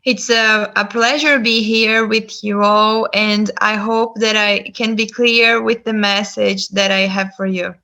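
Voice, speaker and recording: A guest speaker, a woman with a Brazilian Portuguese accent, gives a testimony talk in English, hesitating often with "um" and "uh." Her mid-range voice is sharp in tone and flat in delivery, and she takes it slowly with few pauses.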